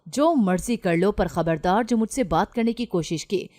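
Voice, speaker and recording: A woman narrator voicing an anxious but defiant young unmarried daughter in a storybook reading, insistent and sharp-tongued. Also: mid-range voice, animated, lightly acted. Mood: angry. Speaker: daughter in a read-aloud story.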